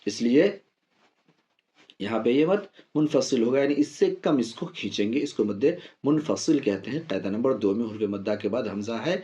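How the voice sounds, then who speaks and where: A man teaching Quran reading, who explains each rule calmly and spells the syllables out slowly, repeating them and drawing the vowels long. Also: mid-range voice, husky. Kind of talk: step-by-step spelling lesson.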